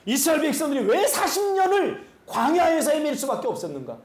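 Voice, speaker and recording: A man's voice: very high voice, wildly swooping pitch, quick pace, a little hiss or hum. Man preaching a sermon, pastor, rhetorical questions, echoey church hall, faint ambience behind. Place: church sanctuary.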